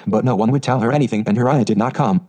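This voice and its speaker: A man narrating an audiobook in a brisk, steady storytelling manner. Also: medium pitch, poor audio.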